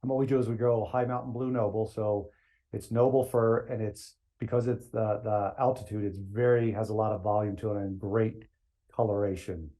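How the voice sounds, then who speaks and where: A man talking as a podcast guest, telling energetic stories and laughing often. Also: lowish voice, moderate pace. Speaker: floral greens sales executive guest. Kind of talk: casual podcast chat, storytelling.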